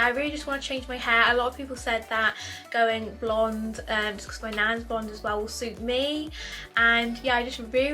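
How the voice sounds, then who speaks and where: A woman's voice: fairly high pitch, bright, forceful tone. A young woman in her twenties from the UK, chatting casually to camera in a Q&A, upbeat and repeating herself often. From United Kingdom. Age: 20s. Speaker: YouTuber.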